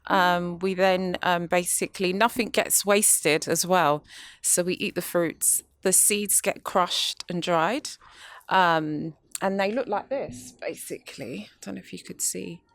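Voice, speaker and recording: A woman speaks as an interview guest, her voice low-pitched. She explains things patiently with frequent ums, recorded dry and close. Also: fairly even intonation, unhurried, dry recording. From North London, UK. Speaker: guest, skincare business founder. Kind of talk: casual interview.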